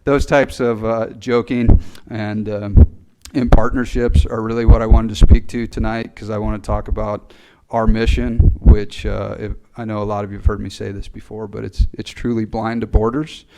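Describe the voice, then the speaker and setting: A man speaking at a fire recruit graduation ceremony, earnest and a little halting, with fillers. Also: on the low side, flat delivery, gravelly, dark tone, a little hiss or hum, poor audio. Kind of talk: ceremony speech. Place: ceremony hall. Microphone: podium mic.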